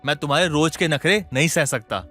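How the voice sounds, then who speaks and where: A man's voice: a little high, fairly quick, sharp tone. A man voicing a firm, reproachful husband who defends his brother. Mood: stern. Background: background music.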